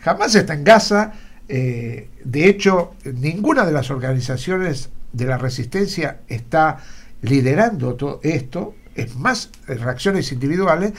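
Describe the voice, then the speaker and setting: A man delivers earnest news commentary on the radio, in a voice pitched a little high for a man. He leans on the filler "eh" between phrases, then presses forward in emphatic bursts. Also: expressive, measured pace.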